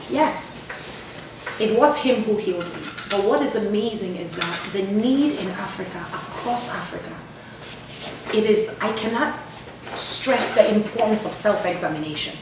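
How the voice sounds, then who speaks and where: A woman talks in an earnest, emphatic way and lets some humor slip in. Her voice sits in a middling register. It comes through a distant mic in a very echoey room, with clear background noise under it. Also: mid-range voice. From Ghana. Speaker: charity founder and cancer survivor. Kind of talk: live radio interview.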